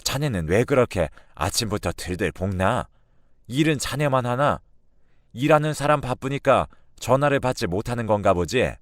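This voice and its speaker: A man's voice: medium pitch, expressive, moderate pace, dry recording, clean studio sound, lightly acted. A man voicing a dismissive older mother-in-law in a radio drama, curt and scolding.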